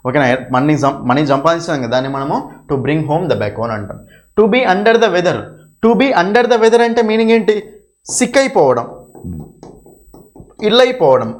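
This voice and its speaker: A man leads an exam revision lesson in a high voice. He repeats every point and keeps asking the class whether they follow. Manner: repeats points, quizzes the class with frequent checks. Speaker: teacher.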